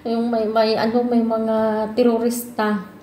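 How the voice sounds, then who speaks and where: A young woman from the Philippines chats away to her followers, calling out to them and switching into English now and then. Her voice sits a little high. The room is echoey, with faint ambience behind her. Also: monotone, unhurried, mellow, a little hiss or hum. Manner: chatty, calls out to viewers often, mixes in English. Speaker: vlogger. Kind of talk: casual chat to camera.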